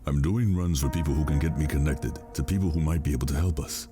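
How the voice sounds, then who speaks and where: A man acts the part of a weary, protective father fleeing with his child in a dramatic, film-style scene. His voice is very deep and grave, earnest in mood, and quick in pace, with music behind it.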